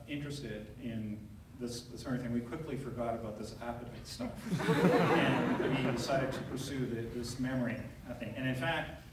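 A middle-aged man, a neurosurgeon, speaks in a mid-range voice while giving a conversational conference talk from a lectern, telling a story with many fillers. The large lecture hall sounds very echoey, and the recording, taken from far back on an audience camera, is very noisy.

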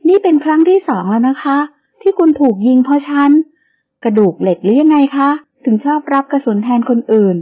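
A woman reading an audio novel, voicing a stubborn, tearful young pregnant heroine in a soft, pleading way. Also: high voice, sing-song, brisk, muffled recording. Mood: worried.

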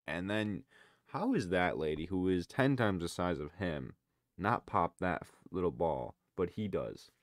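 Low-voiced young man reacting casually. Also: animated, measured pace, no echo. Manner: loose running commentary with exclamations. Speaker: reaction video creator.

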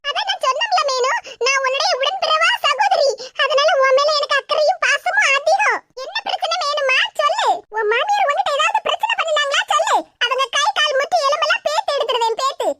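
A woman's voice: expressive, brisk, few pauses, sharp tone, no echo, full character voice. A woman voicing a scheming, sweet-talking neighbor woman in a cartoon, with a Tirunelveli Tamil accent. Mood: coaxing. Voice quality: high and squeaky. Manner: coaxing, sugary, then plotting. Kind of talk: cartoon voice acting.

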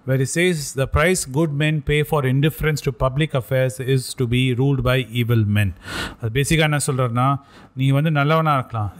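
A man with a South Indian accent and Tamil as first language, explaining things in a casual podcast discussion and mixing in Tamil. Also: medium pitch. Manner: switches between English and Tamil. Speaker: podcast co-host. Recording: clear background noise.

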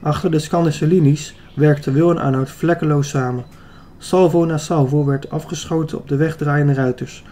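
A man's voice: a little high, slight background noise. A man reading a youth adventure novel aloud as an audiobook narrator, telling it steadily and evenly. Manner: steady, even storytelling. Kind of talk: scripted narration.

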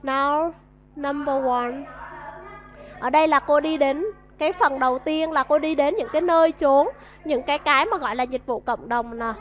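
Coaxing answers from her class and drilling pronunciation, a Vietnamese-accented woman leads an English vocabulary lesson. She has a high voice at normal speed, recorded in dull lo-fi audio.

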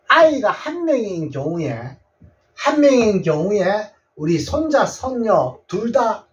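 Slow, patient male teacher, lively pitch. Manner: patient, repeats words, checks in with "right?". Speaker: English teacher for seniors. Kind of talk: blackboard language lesson. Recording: distant, dull lo-fi sound.

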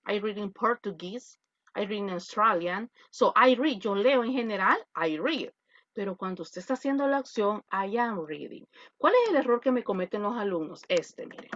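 A woman's voice: mid-range voice, lively intonation, a little slow, a bit bright, dry recording. Woman, English teacher, online class, video call mic, muffled sound, dry. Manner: corrects pronunciation; switches between Spanish and English.

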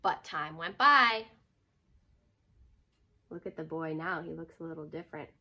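Indoors in a furnished home room, a young woman reads a kids' picture book, pausing for explanatory asides and easy questions. She speaks unhurriedly in a low, husky voice that sounds pushed and bright.

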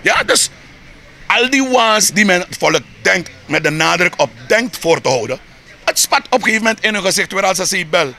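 A Surinamese man with a Surinamese Dutch accent speaks in a high, gravelly register. His tone is bright and forceful as he argues heatedly in a street interview, piling up rhetorical questions and repeating words while he builds each point. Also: lively intonation, moderate pace, a little hiss or hum.

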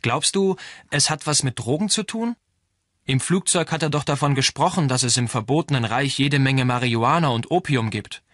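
A man's voice: medium pitch, moderate pace, a bit bright, no echo, lightly acted. A man voicing Nadja, a curious, insistent teenage girl, in a dry audiobook recording. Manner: insistent, questioning.

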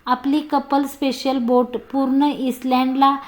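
A woman reading a romantic story aloud in a steady storytelling manner. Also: sits high, takes it slowly.

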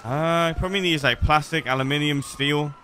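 A man's voice: on the high side, fairly quick, sharp tone, slight background noise. A young man streaming a roleplay game, chatting in character in a laid-back, teasing way. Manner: laid-back and teasing, drawling with easy laughs. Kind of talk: casual in-character roleplay chat.

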